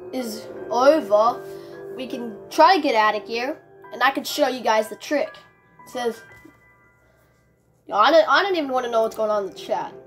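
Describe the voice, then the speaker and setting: Excitable woman with a slightly high voice, chatty rambling game commentary over soft background music. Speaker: gaming video creator. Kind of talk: casual gameplay commentary.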